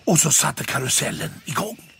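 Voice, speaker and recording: A man narrating a children's story in a lively storytelling manner. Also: a little high, vocal fry. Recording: faint background music.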